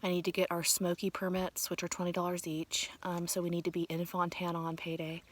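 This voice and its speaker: Talking casually to the camera on a mountain trail during her long-distance hike, a female vlogger sounds weary and stressed, sighing and half-whispering often. She speaks briskly in a low voice with a completely flat delivery.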